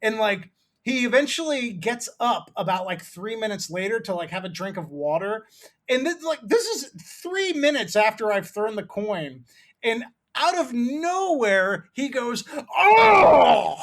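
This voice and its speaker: Man, high voice, thirties, casual profane storyteller, animated. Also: unhurried. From Maryland. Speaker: podcast co-host.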